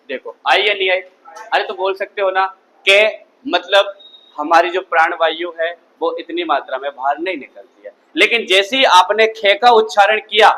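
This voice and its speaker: A man teaches a Hindi grammar class as a classroom lecture, constantly quizzing students with call-and-response questions. His voice is high-pitched, pushed and bright, and the audio quality is poor.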